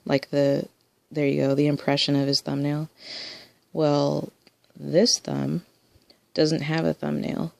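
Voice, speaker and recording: Gravelly-voiced woman showing her collection. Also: deep voice, monotone, takes it slowly, darkish tone, dry recording. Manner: rambling, many ums and restarts. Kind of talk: casual show-and-tell video.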